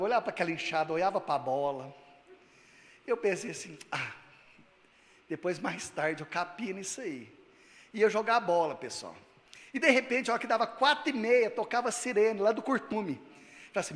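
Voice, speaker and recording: A male pastor preaching a sermon, moving between loud emphatic lines and low, quiet storytelling. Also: in a large hall.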